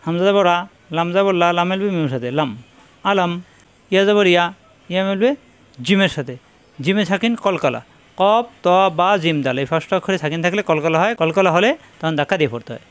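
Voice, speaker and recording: A man's voice: high voice, lively intonation, clear, resonant tone. A man teaching Quran recitation, patiently spelling out syllables and explaining where each sound is made. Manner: patient, repeats syllables slowly and explains mouth positions; slow drawn-out chanted recitation. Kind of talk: slow spelling-out recitation lesson.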